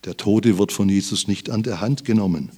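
A man's voice: lowish voice, normal speed, mellow, slightly rough. A man preaching a sermon, reading Bible verses aloud and building up emphatically on key phrases.

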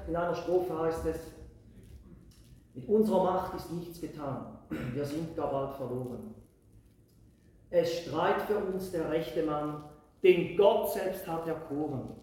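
A middle-aged man preaching a sermon, slow and earnest, building to loud emphatic declarations. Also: fairly high pitch. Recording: very echoey hall.

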